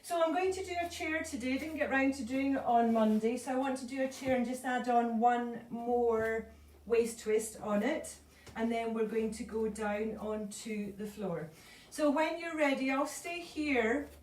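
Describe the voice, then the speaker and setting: A woman leading a yoga class, calmly cueing breath and movement, a little out of breath. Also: on the high side, measured pace. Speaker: yoga instructor. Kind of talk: live online yoga class instruction. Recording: echoey room, voice from far off.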